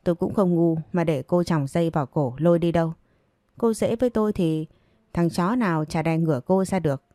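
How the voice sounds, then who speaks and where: A woman's voice: on the low side, fairly quick, dark tone, dry recording, studio quality, lightly acted. A woman voicing a callous young man who coldly rejects his pregnant lover with contempt. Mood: contemptuous. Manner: contemptuous, dismissive.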